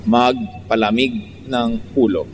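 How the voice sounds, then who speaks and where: A man with a Filipino accent preaching a sermon, slowing down to stress points and mimicking people arguing. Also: medium pitch, fairly even intonation, big-room sound, slight background noise. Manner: mixes Tagalog and English, slows for emphasis, mimics quarrels. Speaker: pastor.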